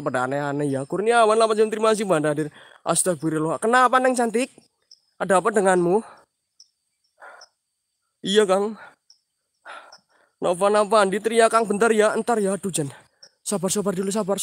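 A man's voice: high voice, no echo, clean studio sound. A man hosting a live paranormal stream outdoors at night, chatting to viewers, thanking them by name and mixing in regional slang. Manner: chatty, reads viewer names, mixes Javanese slang, sudden exclamations.

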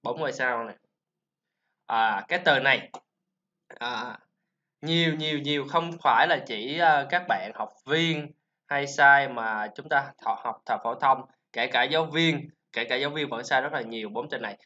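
A man with a Vietnamese accent teaching English pronunciation, drilling sounds and syllables slowly with chatty asides. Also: medium pitch, bright, forceful tone. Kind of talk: informal pronunciation lesson. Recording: slightly dull lo-fi sound.

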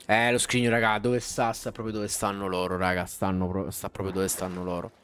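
A man's voice: on the low side, a little fast, clear, resonant tone. A man casually commenting on his gameplay live, slangy and talking to his chat. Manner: animated, slangy, talks to chat. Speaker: streamer. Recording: faint background music.

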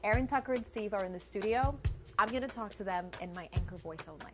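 A woman's voice: medium pitch, fast. A woman morning news anchor doing a playful promo in a mock-formal anchor delivery. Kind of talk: playful behind-the-scenes promo. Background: music.

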